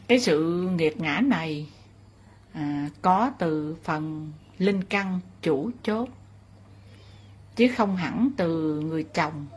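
A woman speaking as the remorseful spirit of a married man, slow and pleading. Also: fairly low pitch, a little hiss or hum. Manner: slow, pleading, contrite confession.

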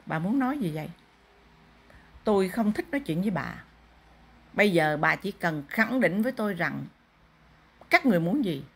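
A woman speaking as an aggrieved elderly spirit of a dead relative, indignant and demanding, in a husky voice. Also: medium pitch, very animated, normal speed, long pauses, a bit bright, full character voice.

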